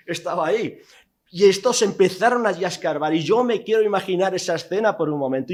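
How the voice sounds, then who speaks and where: A man from Spain with a voice that sits high preaches a sermon in a church hall. He tells the story vividly, posing rhetorical questions and swinging from loud to hushed.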